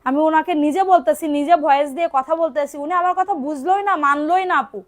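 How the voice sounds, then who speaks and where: A woman selling clothes on a live stream, repeating prices and urging viewers to order quickly, and sometimes scolding commenters. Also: high-pitched. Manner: brisk, repetitive, urging buyers to order fast. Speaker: online clothing seller. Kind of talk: live-stream sales pitch.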